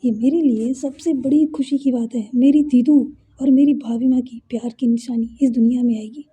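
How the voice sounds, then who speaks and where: Playful, innocent young woman read by a female storyteller; husky, mellow tone. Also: sits high, fairly even intonation, moderate pace. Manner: innocent, teasing, eager. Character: playful young businesswoman, childlike with family.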